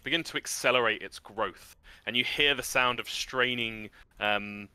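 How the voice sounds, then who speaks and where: A man narrating a tabletop game as game master, descriptive and halting as he searches for words. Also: mid-range voice, pushed and bright, clean tone, no echo.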